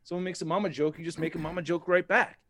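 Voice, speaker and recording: A man's voice: on the high side, fairly even intonation, quick pace, fairly bright tone, no room sound. A man chatting casually as a guest, rambling with lots of fillers and restarts, often laughing at himself. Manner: laughs often, self-deprecating. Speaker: interview guest. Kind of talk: casual podcast chat.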